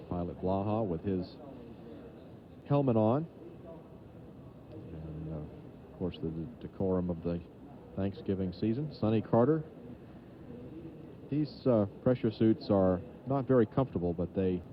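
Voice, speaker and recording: Low-voiced man, muffled launch commentary. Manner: measured, matter-of-fact. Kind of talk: live mission commentary. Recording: muffled, noisy archival broadcast audio.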